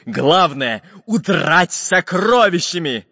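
A man voicing a fat, gruff male pirate captain who barks his orders slowly. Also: high voice, very animated, bright, forceful tone, pitched above the performer's own voice, exaggerated voice. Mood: bossy. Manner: barking, drawn-out. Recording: dull lo-fi with long reverb.

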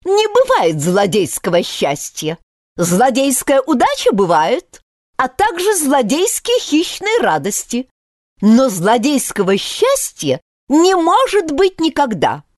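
A woman's voice: wildly swooping pitch, slow, no room sound, clean studio sound, heavily acted. A woman voicing a fussy, educated male sparrow who talks in nervous, preachy exclamations in a storybook reading. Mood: indignant. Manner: shrill, indignant exclamations.

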